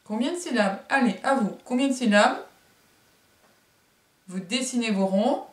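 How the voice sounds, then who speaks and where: Slow, echoey woman teacher. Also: on the high side, expressive. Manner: slow, syllable-by-syllable, encouraging. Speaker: kindergarten teacher. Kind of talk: remote phonics lesson for young children. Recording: roomy echo.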